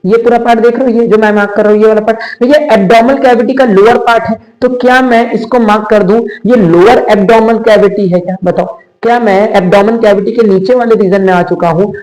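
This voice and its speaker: A man's voice: high voice, steady tone, fast, few pauses, a little mellow, echoey room, low-quality recording. A young man teaching biology in a chatty, repetitive way, calling his students "beta" and answering his own questions, with terms. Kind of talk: online exam-prep lecture.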